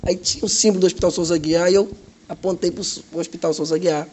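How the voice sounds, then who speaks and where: A man's voice: high voice, steady tone, quick pace, darkish tone. A man, an evangelist telling his testimony dramatically and acting out the other people in it. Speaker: evangelist, podcast guest. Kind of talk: animated testimony storytelling.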